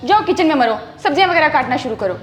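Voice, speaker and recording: A woman's voice: high voice, animated, fast. An actress playing a harsh, suspicious rich woman who bosses and accuses her maid in a scolding way. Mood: bossy. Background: soft background music.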